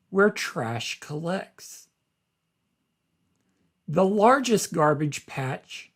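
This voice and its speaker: With a voice pitched fairly high for a man, he reads to a class as a teacher might. Everything comes out very slowly and deliberately, in plain phrases with short explanations.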